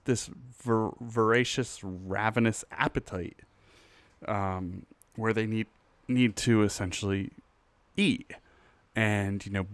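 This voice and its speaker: A man hosting a solo board game design podcast, thinking aloud in a halting way with restarts while he has the hiccups. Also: lowish voice, dry recording.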